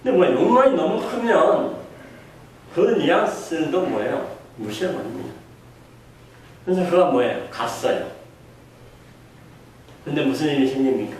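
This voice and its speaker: Preacher in an echoey hall. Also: male voice, medium pitch, darkish tone, a little hiss or hum. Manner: asks the congregation questions and acts out quoted voices. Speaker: pastor. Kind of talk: sermon. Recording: echoey room heard from a distance.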